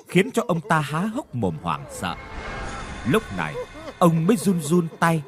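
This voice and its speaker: A man narrating a horror story with dramatic delivery. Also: mid-range voice. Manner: dramatic, voices characters' cries.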